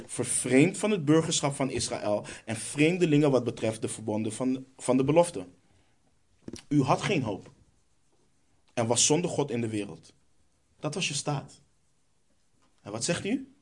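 A man's voice: mid-range voice, lively intonation, unhurried, long pauses, a little mellow. A man preaching a sermon, reading Bible verses aloud and answering his own rhetorical questions.

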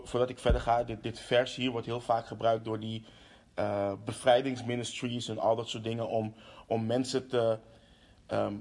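Guy preaching a sermon, mid pitch, fervent, lots of uhs and restarts. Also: darkish tone. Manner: impassioned, with hesitant restarts and fillers.

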